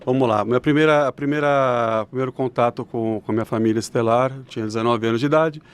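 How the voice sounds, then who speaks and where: A young adult man telling a personal story in a relaxed, conversational way. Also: mid-range voice, quick pace, clean tone. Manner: relaxed, conversational, uses fillers like "né". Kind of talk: casual storytelling.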